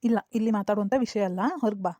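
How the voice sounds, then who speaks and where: A woman's voice: medium pitch, steady tone, rapid-fire, warm tone, dry recording, lightly acted. A woman with a North Karnataka Kannada accent voicing an earnest young office worker pleading with a coworker in a cartoon comedy. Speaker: cartoon voice actor. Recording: dull lo-fi dry recording.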